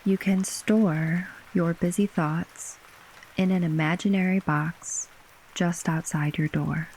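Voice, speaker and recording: A woman narrating a bedtime sleep story as guided relaxation, gently and unhurriedly, with long pauses between short phrases. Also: on the low side, a little hiss or hum, rough recording. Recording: steady rain ambience behind voice. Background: rain falling.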